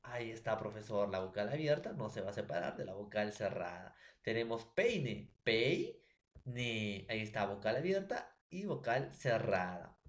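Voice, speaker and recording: A man from Peru, speaking with a Peruvian Spanish accent, teaches a recorded school lesson, explaining slowly through a homely story and frequently checking in with his students. His voice is fairly low with big pitch swings.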